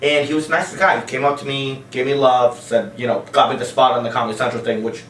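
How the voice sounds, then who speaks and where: A man's voice: mid-range voice, fairly even intonation, fast talker, a bit bright, slight background noise. A man, a stand-up comic, telling rambling, profane stories on a casual podcast and often breaking into laughs. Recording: roomy sound from a distance.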